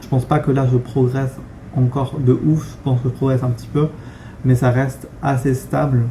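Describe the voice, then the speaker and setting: A young man from France talks straight to camera in a relaxed, frank way, often pausing on fillers. His voice is very dark and mellow, and his melody stays fairly flat. A faint hum of ambient noise sits under the recording. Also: mid-range voice. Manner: conversational, frank, many fillers and restarts. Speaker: vlogger. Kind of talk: casual talking-head vlog.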